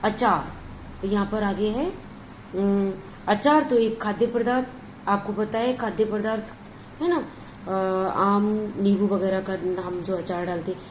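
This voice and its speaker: A woman's voice: mid-range voice, takes it slowly, a little hiss or hum, low-quality recording. A woman teaching a grammar lesson, explaining each point patiently and checking in with her listeners again and again. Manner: patient, repeats words and adds frequent check-ins.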